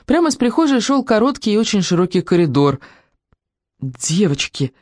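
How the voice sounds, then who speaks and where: A narrator reads a children's story aloud, measured and even in pace. The voice sits at a middle pitch. The recording is dry and close, with no room sound. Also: no room sound. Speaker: audiobook narrator.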